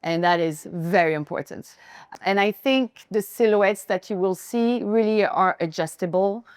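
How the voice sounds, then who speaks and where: A woman's voice: medium pitch, a little slow, smooth, dry recording, clean studio sound. French-accented woman giving a chatty welcome. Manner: chatty, self-deprecating, searching for words. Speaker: brand founder hosting a styling session. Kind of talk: informal welcome speech to guests.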